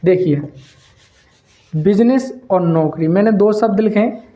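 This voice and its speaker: A high-pitched man with a warm tone speaks unhurriedly through a muffled recording. He runs his own channel and lectures casually to camera about business ideas, repeating himself emphatically and calling his viewers brother.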